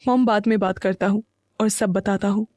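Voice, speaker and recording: A woman voicing a calm, guarded young man speaking to his mother in an audio story, measured and quiet. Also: mid-range voice, no echo, clean studio sound, lightly acted.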